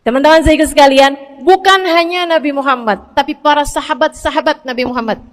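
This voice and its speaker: A woman religious teacher giving a storytelling sermon in a casual, animated way, acting out the dialogue of her stories. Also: high-pitched, fairly quick, in a large hall. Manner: casual colloquial speech.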